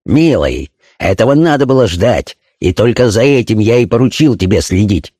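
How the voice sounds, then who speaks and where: A man voicing a calm, shrewd detective in a storybook reading, giving quiet, deliberate orders. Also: fairly low pitch, no echo, studio quality. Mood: knowing.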